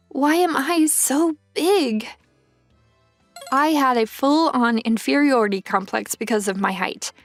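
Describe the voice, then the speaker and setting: In a manga dub, a tall young woman who plays pro basketball narrates her own story in the first person, looking back as a once-insecure girl. Her voice sits fairly high, with soft music behind her. She sounds despairing at first, then aggrieved and gloomy.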